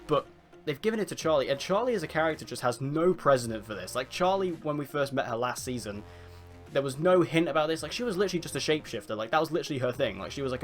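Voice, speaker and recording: A man giving a casual, rambling TV episode review, full of fillers and restarts. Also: medium pitch. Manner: rambling, filler-heavy, says "like" often.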